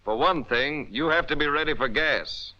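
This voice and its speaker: Bright and pushed, with a fairly high pitch and normal speed, an American man's voice guides viewers through a 1940s military instructional film. He speaks in clipped, emphatic commands, heard on a dull, band-limited 1940s soundtrack.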